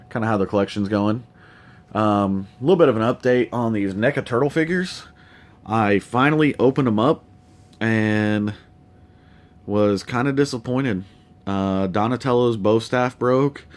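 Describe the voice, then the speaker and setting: A man casually showing off his toy collection in a home vlog, rambling with lots of ums and uhs. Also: fairly low pitch. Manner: relaxed, rambling with many fillers. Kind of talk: casual show-and-tell vlog.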